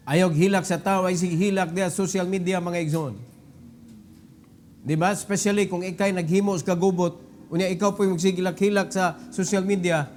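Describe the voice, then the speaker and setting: High-voiced Cebuano preacher. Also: male voice. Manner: mixes English into his preaching, builds to raised emphatic passages. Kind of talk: sermon.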